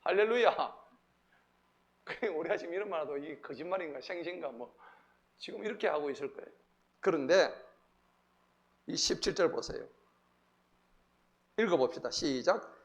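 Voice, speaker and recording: A pastor preaching a Wednesday sermon in a church, animated, quizzing the congregation and acting out the Bible figures. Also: male voice, fairly high pitch, normal speed, long pauses. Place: church sanctuary.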